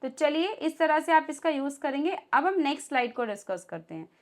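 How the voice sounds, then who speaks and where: A woman with an Indian accent teaching an online English lesson in Hindi, reading example sentences slowly and then translating them. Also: sits high, very animated.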